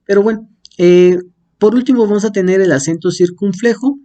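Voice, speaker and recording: A man's voice: high voice, normal speed, warm tone, highs cut off. A man explaining Greek marks as a teacher, hesitant, with many fillers and restarts, using homely comparisons. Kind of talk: explaining Greek accents to a class.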